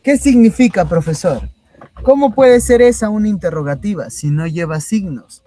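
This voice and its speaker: A man's voice: high-pitched, lively intonation, normal speed, mellow, dry recording, voice pushed up. A man voicing a curious, puzzled pupil who eagerly questions the teacher.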